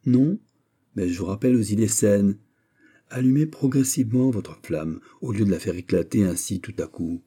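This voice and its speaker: A man's voice: on the low side, animated, moderate pace, warm tone, slightly rough. A man voicing a witty, teasing princess. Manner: arch, lightly mocking, knowing.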